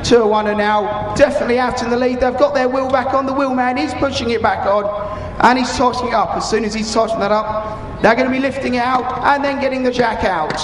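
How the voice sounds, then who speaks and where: A man's voice: extremely high pitch, a little fast. A British man in his thirties giving live, explanatory commentary to spectators at a military display, in informal language over a public address microphone. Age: 30s. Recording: echoey arena PA, crowd and noise.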